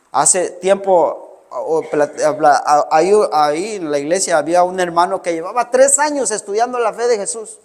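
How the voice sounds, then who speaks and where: A man's voice: sits high, big-room sound. A middle-aged Mexican man preaching a sermon in a conversational way, repeating words and using many fillers. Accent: Mexican Spanish.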